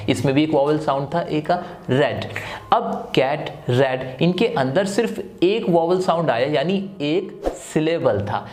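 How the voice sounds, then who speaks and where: A man's voice: fairly high pitch, darkish tone. Guy teaching spelling tricks, walks through each rule step by step, keeps asking questions then answering them. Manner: explains step by step with rhetorical questions. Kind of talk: spelling lesson video.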